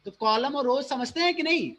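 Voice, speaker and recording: A man's voice: very high-pitched, lively intonation, fairly quick, a bit bright. A male school teacher giving an online phonics lesson, mixing Hindi and English, patiently repeating and quizzing his students.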